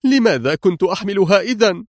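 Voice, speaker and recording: A fiery young female agent, voiced by a male narrator speaks in a high, loud and strained voice. Her lines come out sharp and indignant, always defiant. The recording is dry and close. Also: fast, dry recording.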